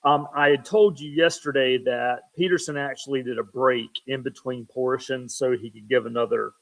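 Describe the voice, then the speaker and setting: A man as pastor giving a casual devotional video, relaxed and self-deprecating, with many filler ums, reading Bible passages aloud. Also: medium pitch, normal speed, vocal fry, poor audio. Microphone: talking to camera for a video.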